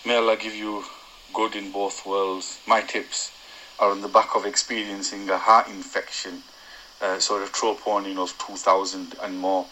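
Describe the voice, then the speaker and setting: Flat, low-pitched Yorkshire man reading. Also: slight background noise, low-quality recording. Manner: earnest, with frequent ums and self-corrections. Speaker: guest cyclist giving advice. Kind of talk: reading prepared tips aloud.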